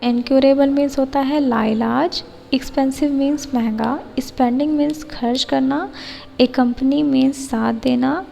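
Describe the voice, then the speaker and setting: A woman with an Indian accent explaining a lesson plan as a tutor, reading English lines out slowly. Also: sits high, steady tone, vocal fry, warm tone, in a large hall, rough recording. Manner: explanatory, slow read-outs of English lines. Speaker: teacher-training tutor.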